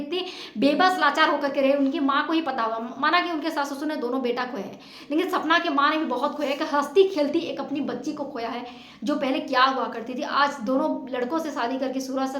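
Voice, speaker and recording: Addressing her viewers directly, a vlogger weighs in on a family dispute with casual, opinionated remarks and forceful, indignant rhetorical questions. She has a high-pitched, slightly bright voice. The audio echoes as if recorded in an untreated room.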